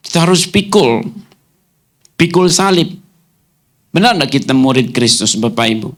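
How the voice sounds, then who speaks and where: A male pastor preaching a sermon to his congregation, firing off rhetorical questions and rising into commanding, almost shouted lines. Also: mid-range voice, lively intonation, normal speed. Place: church hall.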